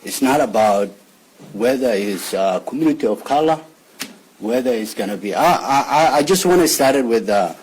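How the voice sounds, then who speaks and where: A man's voice: mid-range voice, animated, moderate pace, a little mellow, a little hiss or hum, rough recording. A man with a Somali accent, a father speaking at a press conference, repeating words as he searches for phrasing. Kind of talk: press statement.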